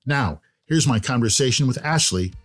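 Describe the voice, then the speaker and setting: A man's voice: mid-range voice, animated, moderate pace, over music. Folksy male podcast host. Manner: friendly, folksy, jokes lightly. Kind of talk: scripted podcast narration and interview.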